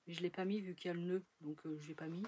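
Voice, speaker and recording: A woman's voice: lowish voice, fairly even intonation, very fast, darkish tone, slight background noise. A woman chatting casually in a sewing vlog, rambling with fillers and trailing off as she shows her projects. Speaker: sewing vlogger. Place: home sewing room.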